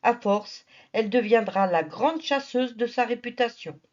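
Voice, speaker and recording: A woman's voice: fairly high pitch, unhurried, darkish tone, lo-fi sound. A woman narrating a nature documentary in a familiar, teasing storytelling manner. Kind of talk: nature documentary narration, playful asides to the viewer.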